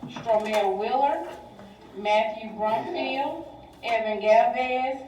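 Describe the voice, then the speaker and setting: Woman's mellow voice over a school intercom. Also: on the high side, slow, lo-fi sound. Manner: reads out a list of student names. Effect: school intercom loudspeaker. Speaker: school office announcer. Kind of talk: public address announcement. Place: heard over a classroom speaker. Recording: echoey distant intercom speaker with faint noise.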